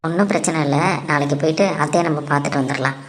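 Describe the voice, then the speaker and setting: A woman voicing a kind, reassuring young husband in a cartoon, speaking in a gentle, comforting way. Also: low-pitched, racing, heavy background noise, close to an everyday voice. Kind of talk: cartoon voice acting. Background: music.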